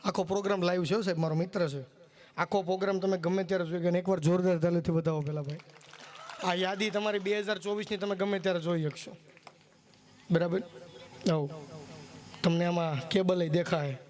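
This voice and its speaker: A man's voice: high-pitched, fairly even intonation, a little fast, pauses often, a little mellow. A man doing live folk stage comedy, telling jokes and teasing the audience. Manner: folksy, teasing, acts out characters in raised voices.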